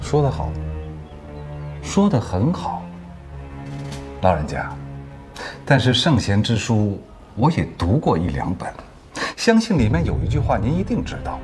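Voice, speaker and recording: Smooth menacing official, mock-polite, pitch all over. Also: male voice. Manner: mocking, falsely polite. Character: suave menacing middle-aged official. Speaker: powerful official. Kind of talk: TV drama acting.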